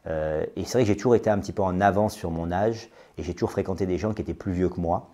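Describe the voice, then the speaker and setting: A man nearing forty talks through a podcast interview in a deep, dark, mellow voice. He hesitates constantly, filling pauses and repeating words as he goes. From France. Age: 30s. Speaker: interview guest, business owner.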